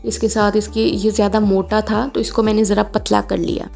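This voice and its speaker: A woman walks through a homemade craft in a casual, homely way. She talks at a middle pitch and often pauses on fillers. Faint music plays under her voice in this home video. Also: little pitch movement, vocal fry, darkish tone. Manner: chatty, homely, with frequent fillers. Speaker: DIY craft vlogger. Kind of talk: casual step-by-step craft tutorial.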